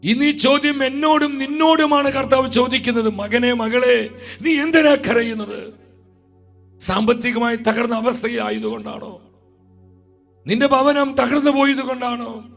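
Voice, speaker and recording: A man with a Malayali accent preaching a sermon, slow and drawn out, with emphatic repetitions. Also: very high-pitched, gravelly, fairly bright tone, faint music behind.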